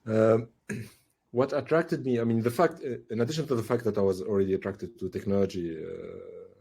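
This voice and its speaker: A man's voice: lowish voice, fairly even intonation, normal speed, vocal fry, warm tone, husky. A man in his forties from Tunisia, a podcast guest talking thoughtfully with many fillers and restarts. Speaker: guest, AI director. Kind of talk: casual podcast interview.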